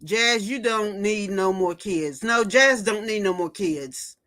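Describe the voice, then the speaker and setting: A woman's voice: mid-range voice, takes it slowly, a bit bright. A woman in her fifties hosting a casual livestream, gossiping and reading viewer comments aloud before reacting to them. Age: 50s. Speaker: livestream host. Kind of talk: casual chat.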